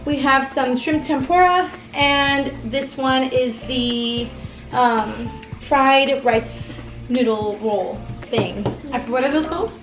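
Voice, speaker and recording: A woman's voice: high-pitched, takes it slowly. A woman in her twenties chatting casually while eating, rambling with lots of fillers. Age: 20s. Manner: rambling, many fillers, searching for words. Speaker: co-host, mother. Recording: roomy with background music.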